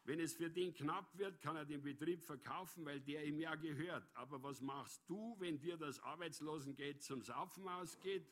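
A man's voice: on the high side, normal speed, few pauses, fairly bright tone. A man voicing a boastful, aggressive middle-aged village man who rants bitterly in a raised voice. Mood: gloating.

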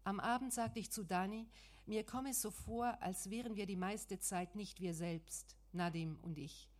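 A woman's voice: medium pitch, fairly even intonation. Woman narrating a reflective audiobook. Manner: measured, reflective first-person telling.

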